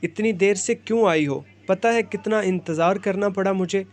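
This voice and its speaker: A man's voice: high voice, lightly acted. A man voicing a young man in love who is sick, playful and devoted. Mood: pleading.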